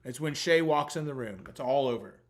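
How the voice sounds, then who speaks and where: A man's voice: mid-range voice, expressive, a little fast. Casual, sweary man hosting a livestream. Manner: sweary, informal, colloquial. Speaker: livestream giveaway host. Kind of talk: casual rambling livestream chat.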